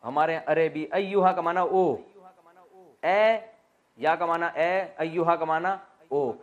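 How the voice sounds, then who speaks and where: A man with a somewhat high voice gives a lesson on the Quran. He poses questions to his listeners and answers them himself. He drops in light jokes as he goes. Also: lo-fi sound. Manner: light joking asides. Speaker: Islamic scholar teaching Quran exegesis. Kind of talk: explanatory religious lesson. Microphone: recording while writing on a board.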